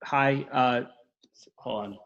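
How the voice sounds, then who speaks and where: A man from New York introducing himself on a parents' video call in a relaxed, self-deprecating way. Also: mid-range voice, slow pace, lo-fi sound. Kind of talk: casual introduction.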